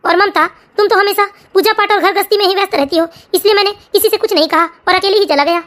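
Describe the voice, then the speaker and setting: A woman voicing an older retired male clerk, a proud and stubborn father in a cartoon family story, talking quickly and earnestly. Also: very high voice, a bit bright. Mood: puzzled.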